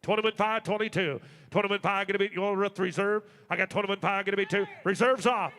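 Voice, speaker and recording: A man working as an auctioneer, calling bids in a rapid, repetitive, rolling live chant. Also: sits high, fairly bright tone. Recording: long hall reverb.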